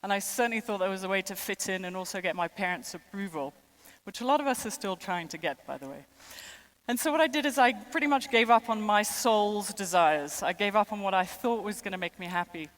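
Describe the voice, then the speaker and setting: A woman in her thirties gives a conference keynote in a large hall with long reverb, speaking briskly at medium pitch with lively intonation. Born in the United States and raised in six countries, she has a mixed international accent with French and American traces. Her delivery is conversational, chatty, and self-deprecating, with light laughs and fillers.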